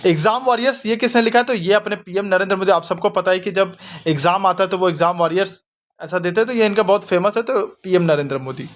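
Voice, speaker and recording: In an exam revision lesson, a man with a high, light voice keeps firing quick questions at his students and answering them himself. He is chatty and informal, calling his listeners "bhai", meaning brother.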